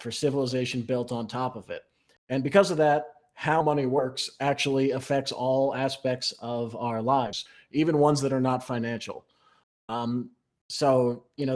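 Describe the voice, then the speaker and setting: A man appearing as a podcast guest, explaining his ideas in a measured way with frequent "um" and "you know". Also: medium pitch, a little mellow. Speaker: guest, newsletter writer. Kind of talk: explanatory interview talk.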